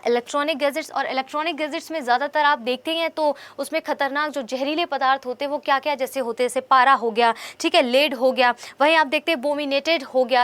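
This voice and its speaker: A woman's voice: high voice, a bit bright. A young woman teaching exam answers in a chatty way, asking questions and answering them herself. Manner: conversational, asks questions and answers them, says "bhai" often. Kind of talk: explaining quiz answers.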